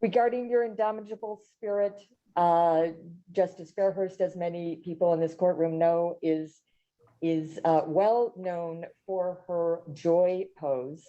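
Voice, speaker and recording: A woman's voice: lowish voice, fairly even intonation, a little slow, mellow. A woman judge delivering a formal prepared speech of thanks. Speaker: newly sworn-in judge. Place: courtroom. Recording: dull, muffled sound.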